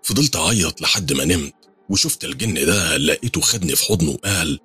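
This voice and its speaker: A male storyteller with an Egyptian accent narrates a first-person horror tale. His voice is low and husky, delivered fast with lively pitch, in dry, close sound. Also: no room sound, soft background music. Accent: Egyptian Arabic.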